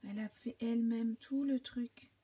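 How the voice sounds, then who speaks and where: A woman's voice: a little high, steady tone, normal speed, mellow, slight background noise. A middle-aged French woman hosting a podcast, chatting casually as she unboxes a parcel, often half-whispering and gushing. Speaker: podcast host.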